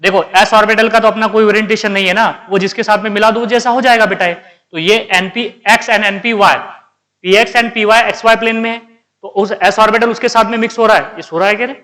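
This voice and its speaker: A man's voice: high-pitched, steady tone, quick pace, bright, forceful tone. A male chemistry teacher lecturing a class, quizzing students and answering his own questions, and calling out those who are not paying attention. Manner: scolds inattentive students.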